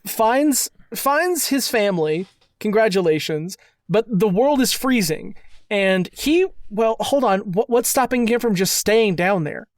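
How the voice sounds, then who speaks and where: A podcast co-host chatting casually, often interrupting to question and steer the pitch. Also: expressive, measured pace, no room sound, clean studio sound. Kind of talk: casual comedic chat.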